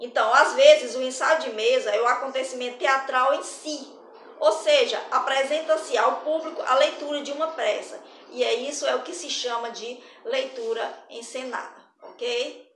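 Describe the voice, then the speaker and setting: A woman's voice: high voice, fairly even intonation, normal speed, fairly bright tone, slight background noise. A woman teaching an arts lesson in a chatty, explanatory way, with many hesitations and restarts. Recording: roomy echo.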